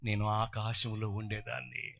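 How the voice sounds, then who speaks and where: Brief: male preacher as a fallen royal eagle crying out her loss, piercing and rough-edged. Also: fairly low pitch, little pitch movement, unhurried. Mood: grieving. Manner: shouted lament. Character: weeping fallen female king of birds.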